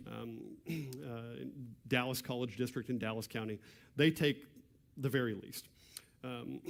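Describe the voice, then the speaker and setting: A man giving a public seminar talk in a church hall, conversational, often clearing his throat. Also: medium pitch. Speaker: property tax presenter. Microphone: handheld or stand mic, cutting out at times.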